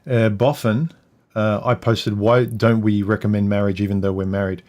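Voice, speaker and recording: Man, lowish voice, casual livestream chat, rambling, swears. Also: level tone, normal speed, darkish tone. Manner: rambling, loses his train of thought, swears casually. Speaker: co-host of a couple's livestream. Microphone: livestream microphone.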